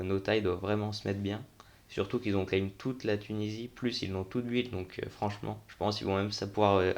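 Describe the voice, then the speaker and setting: Low, flat, creaky-voiced young man. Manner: informal, slangy, thinking aloud. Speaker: gaming video host. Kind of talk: casual unscripted game tour commentary.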